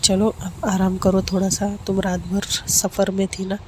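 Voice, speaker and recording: A woman voicing a middle-aged aunt, suspicious but kindly, who speaks in a gently warning way. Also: mid-range voice, completely flat delivery, a little slow, slight background noise, close to an everyday voice. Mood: gentle.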